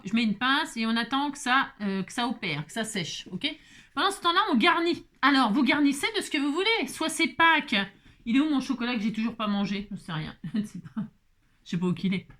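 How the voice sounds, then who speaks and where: Chatty french craft lady talking thru a tutorial, kinda high voice, laughs a lot. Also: very animated, a little fast, a bit bright. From France. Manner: chatty and playful, talks to herself, laughs often. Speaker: craft video host. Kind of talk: casual craft tutorial talk.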